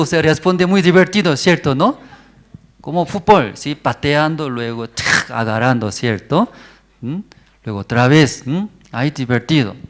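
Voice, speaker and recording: A male pastor preaching at a prayer service in short, simple bursts, constantly checking in with the congregation and rising to loud, animated questions. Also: fairly high pitch. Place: church service.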